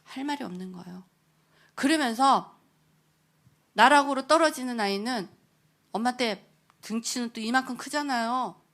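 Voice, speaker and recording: A middle-aged woman giving a heartfelt church testimony, with a voice a little higher than most women's. She tells her story vividly and plays out each quoted line, then sinks to a near hush when the story gets tender. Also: normal speed, pauses often. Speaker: deaconess giving a testimony at a prayer meeting. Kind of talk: emotional testimony sermon.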